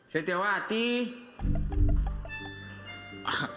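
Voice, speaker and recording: A man's voice: sits high, drawn-out words, music in the background. An actor playing a cocky, flirtatious male neighbor who talks in a teasing, slangy way.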